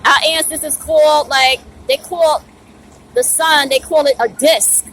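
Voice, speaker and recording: A high-voiced woman preaches a fiery, profane rant straight to camera. She stands outside at a bus stop, with faint street traffic under her voice. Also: steady tone, measured pace, fairly bright tone, rough recording. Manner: fiery, preachy, profane, drops rhetorical "right?" often. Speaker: vlogger. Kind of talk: blunt outdoor rant to camera.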